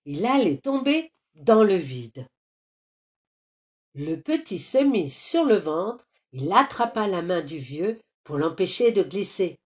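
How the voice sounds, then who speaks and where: A woman reading a children's story aloud slowly and clearly, pausing to explain difficult words. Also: fairly low pitch, very animated. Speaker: narrator.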